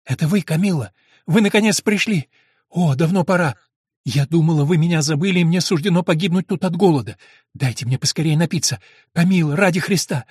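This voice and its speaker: A man's voice: fairly high pitch, a little fast, darkish tone, husky, no room sound, clean studio sound. A man voicing a starving, chained woman prisoner who pleads in breathless exclamations. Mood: pleading.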